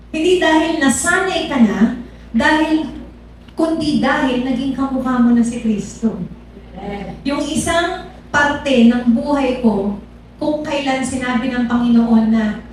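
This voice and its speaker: Woman, church testimony, conversational, heavy hall echo, far from the mic, faint room noise. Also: sits high. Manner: conversational, code-switching, addresses audience with rhetorical questions. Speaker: testimony speaker.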